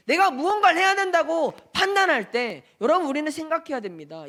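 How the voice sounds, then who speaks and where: A man preaching a Sunday sermon as youth pastor, questioning his listeners and acting out quoted voices. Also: very high voice. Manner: animated preaching with many questions to the audience. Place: church sanctuary.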